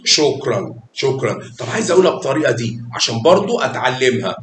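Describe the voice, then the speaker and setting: A man's voice: sing-song, fast. A man with an Egyptian Arabic accent teaching a class of young children, patient and affectionate, coaxing them along with pet names. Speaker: math teacher. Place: echoey classroom. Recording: echoey classroom with faint rumble.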